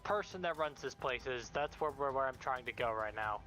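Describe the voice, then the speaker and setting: A man's voice: medium pitch, a little fast, bright, forceful tone, soft background music. A man casually role-playing and discussing moves as a tabletop game player.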